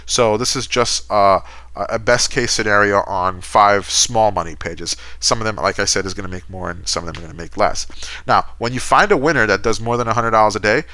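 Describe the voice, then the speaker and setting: A man delivering an infomercial sales pitch in a conversational way, often checking in with "okay?" and "right?". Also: brisk, bright, forceful tone, no room sound. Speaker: online business program seller.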